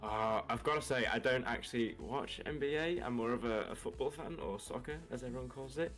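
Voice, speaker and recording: A man with a general English accent and a slight Australian twang, giving quick analysis as co-caster on a live esports stream. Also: mid-range voice, a bit bright, faint music behind. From England, raised in Australia from about twelve. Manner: fast, analytical, breaks down matchups.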